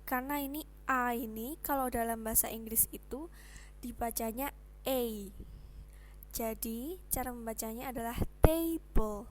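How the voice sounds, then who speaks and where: A young woman teaching English pronunciation in a casual online lesson, explaining slowly and patiently with chatty asides. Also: fairly high pitch, steady tone.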